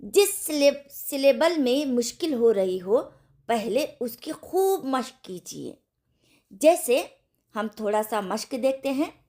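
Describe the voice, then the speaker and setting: Slow, animated high-voiced woman teacher. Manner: slow, patient teaching with repeated check-ins; sounds out syllables slowly for practice. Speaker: Quran recitation teacher. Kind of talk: online tajweed lesson.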